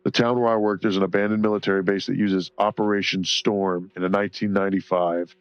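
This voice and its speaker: A man with a low, clean voice talks quickly and flatly as he colors on a stream, rambling and swearing, often laughing and reading out the chat. There's no echo, the sound is a little dull, and faint music runs underneath.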